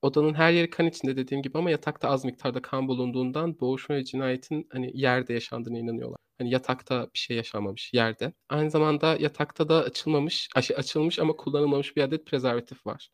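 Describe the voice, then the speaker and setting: A man's voice: medium pitch, steady tone, quick pace, hardly any pauses, no echo. A man hosting a true crime podcast in a conversational way, often repeating and rephrasing his sentences as he searches for words.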